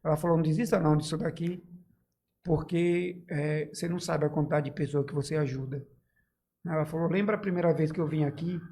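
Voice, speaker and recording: A man speaks as a guest on a podcast, recounting his own story in earnest, halting phrases full of restarts. His voice catches with emotion as he acts out what others said to him. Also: on the high side, a little mellow, a little hiss or hum. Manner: earnest, halting, with many restarts and quoted dialogue. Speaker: podcast guest, bakery founder.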